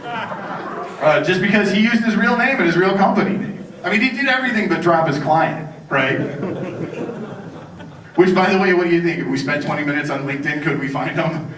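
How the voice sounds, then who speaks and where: A man's voice: a little high, a little slow, long pauses. A man giving a sarcastic, profane conference talk, mocking his targets and bantering with the audience. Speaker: conference speaker. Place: conference hall. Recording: echoey hall, distant mic, noisy.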